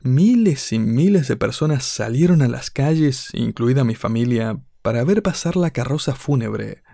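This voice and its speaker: A man preaching a sermon in a measured way, reading scripture aloud and building emphasis with rhetorical questions. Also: mid-range voice, expressive, gravelly, mellow, no echo, studio quality.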